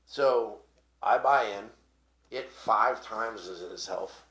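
A man's voice: on the low side, takes it slowly, fairly bright tone, roomy sound. A man hosting a casual talk show, explaining crypto tokens in a rambling way with lots of fillers and restarts. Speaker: podcast host.

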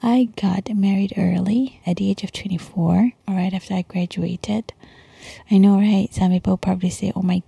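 A young Malaysian woman podcaster in a casual, hushed, whispered monologue, chatty and breathy, sprinkling in Malay slang. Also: mid-range voice, fairly even intonation, normal speed, no room sound. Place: quiet bedroom at home at night.

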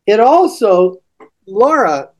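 An older man who works as a teaching coach talks slowly through classroom ideas in a relaxed podcast conversation. His voice sits high.

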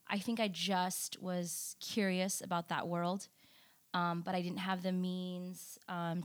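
A young adult woman, a podcast guest who works as a nurse and photographer, talking reflectively with many pauses and ums. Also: on the low side, no echo. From United States. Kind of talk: casual interview conversation.

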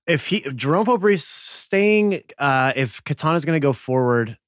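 A man's voice: a little high, lively intonation, normal speed, a bit bright, dry recording, clean studio sound. Hesitant man explaining his game moves. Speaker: tabletop player. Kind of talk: casual gaming chat.

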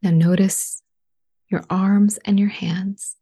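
A woman leading a guided relaxation in a soft, soothing spa whisper, hushed, breathy and gentle. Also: medium pitch, little pitch movement, slow.

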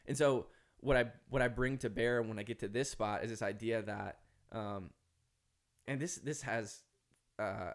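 A man's voice: lowish voice, unhurried. A man with a Minnesota accent speaking earnestly and reflectively as an author guest in a podcast conversation. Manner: earnest, philosophical, emphatic.

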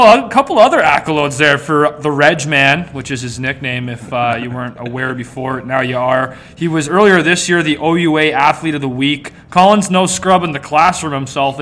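Bright-voiced, jokey young male podcast host. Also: mid-range voice, normal speed, few pauses. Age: 20s. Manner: jokey, teasing. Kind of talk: casual podcast chat.

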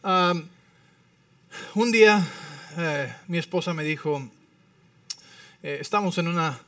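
A man preaching from the pulpit with a bright, high-pitched voice and a humorous, storytelling delivery that keeps asking the congregation whether they follow. He sounds a bit off-mic, and the room gives back almost no reverb. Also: takes it slowly, distant mic. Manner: lively, humorous storytelling with frequent tag questions. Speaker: pastor. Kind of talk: sermon. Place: church sanctuary.

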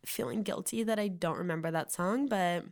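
A young woman with a Valley Girl accent talks through her solo podcast in a loose, rambling way, dropping "like" into nearly every phrase. Her voice sits a little low for a woman, and she sounds relaxed and chatty. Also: normal speed. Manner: rambling, heavy use of "like" fillers. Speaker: podcast host. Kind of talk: casual solo podcast monologue.

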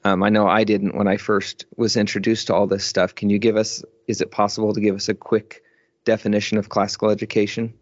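A man's voice: on the low side, flat delivery, brisk, no room sound. A man hosting an interview, politely and hesitantly cutting in to ask a question for his listeners. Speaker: podcast host. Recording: dry, muffled lo-fi audio.

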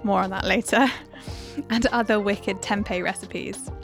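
A woman's voice: medium pitch, fairly even intonation, moderate pace, soft background music. A woman podcast host reading a scripted introduction.

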